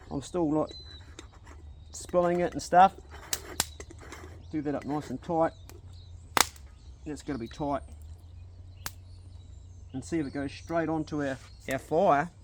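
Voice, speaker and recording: A man's voice: a little high, darkish tone. A laid-back man with a broad New Zealand accent, chatting casually in slangy speech while he does a task as an outdoor vlogger. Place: outdoors, rural. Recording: outdoors with clear background nature noise.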